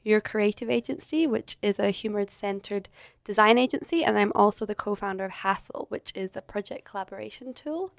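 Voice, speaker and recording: A woman's voice: mid-range voice, fairly quick, gravelly, no echo, studio quality. A Scottish woman in her thirties, telling stories as a chatty interview guest who laughs often. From Scotland. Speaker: guest, agency director. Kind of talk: casual interview chat. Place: hotel.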